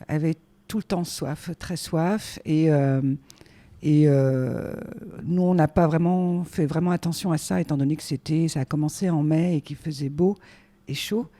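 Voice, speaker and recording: A woman in her forties, a guest on her son's show, talking casually and hesitantly with many filler pauses. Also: low voice, mellow. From France. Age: 40s. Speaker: guest, the host's mother. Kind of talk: casual conversation.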